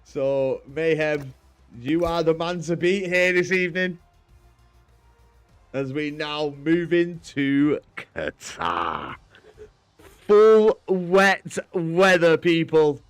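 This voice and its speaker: A man's voice: on the high side, slow. A British man hosting a stream and commentating on racing games in an emphatic, laddish way, mixing race calls with casual chat. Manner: excited, emphatic calling of race action, laddish. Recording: music behind the voice. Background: music.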